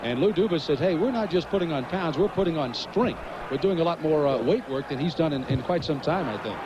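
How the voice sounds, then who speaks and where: Higher-voiced male boxing commentator, noisy ringside. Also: animated, a little fast. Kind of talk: live sports commentary. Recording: muffled, very noisy broadcast from ringside.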